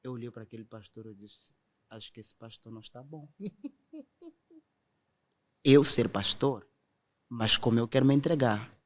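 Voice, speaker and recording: A man's voice: medium pitch, big pitch swings, moderate pace, pauses often. A young man, earnestly telling his conversion testimony in a podcast conversation. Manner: earnest storytelling, quotes others directly.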